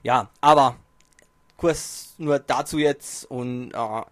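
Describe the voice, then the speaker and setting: This podcast host talks slowly in a medium-pitched voice, and the recording is dry. He's a man in a small home studio, chatting casually with jokes at his own expense, his distance from the home mic varying now and then.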